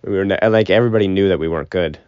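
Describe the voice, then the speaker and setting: A man's voice: deep voice, rapid-fire, darkish tone, no echo. A young man rambling casually and with opinions about sports as a solo podcast host, swearing now and then, recorded inside a closet. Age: young adult. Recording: muffled closet recording, dull and dry.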